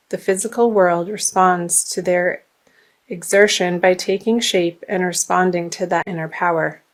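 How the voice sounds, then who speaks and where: Woman, tarot reader, slightly hoarse, somewhat low voice, gentle reflective reading. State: slightly hoarse, losing her voice. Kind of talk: tarot reading, reading guidebook text aloud.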